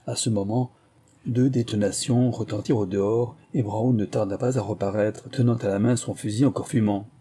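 A man narrating an adventure novel in a measured audiobook reading. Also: fairly low pitch, steady tone, mellow, breathy edge.

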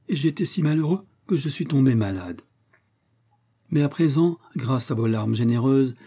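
A man's voice: mid-range voice, dark tone, husky, close to an everyday voice. A man voicing a lovesick young man in a storybook reading, with an emotional, pleading delivery.

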